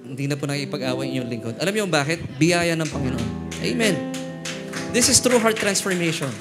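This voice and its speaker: A middle-aged Filipino pastor preaches a church sermon in a slightly high, expressive and fairly quick voice. He tells funny stories, switching between Tagalog and English, while guitar music plays behind him.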